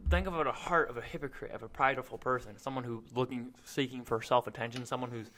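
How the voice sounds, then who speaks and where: A man's voice: mid-range voice, steady tone, fast, noisy background. A man talking earnestly and a little ramblingly in a casual faith discussion, co-hosting a Bible talk.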